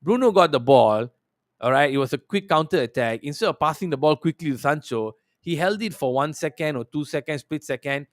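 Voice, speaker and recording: A man giving a casual, animated match reaction as a football fan, telling it emphatically in a conversational way. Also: a little high, fairly quick, dry recording, studio quality.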